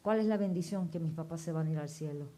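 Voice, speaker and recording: A middle-aged woman giving a personal testimony at church, telling her story in a lively way and acting out remembered dialogue. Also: low-pitched, quick pace.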